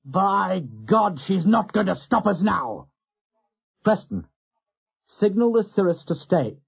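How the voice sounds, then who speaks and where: A man voicing an exhausted male naval commander who shouts with emotion. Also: high-pitched, very animated, unhurried, slightly rough, voice pushed up, full character voice. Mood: anxious, fierce. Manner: shouting, exultant then anxious. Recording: dull lo-fi audio.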